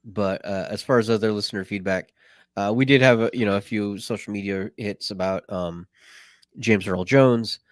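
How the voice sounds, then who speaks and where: A man's voice: on the low side, normal speed, dry recording, studio quality. A man hosting a podcast, running segments in an easygoing way with lots of agreeing. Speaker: podcast host. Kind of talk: casual podcast chat.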